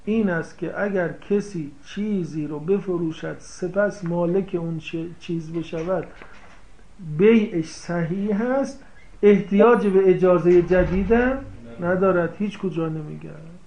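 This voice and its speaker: A man with a high voice teaches from a classical legal text in a seminary-style lecture. He explains each point by repeating and paraphrasing it and keeps checking that his listeners follow. The recording sounds somewhat dull and lo-fi. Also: darkish tone.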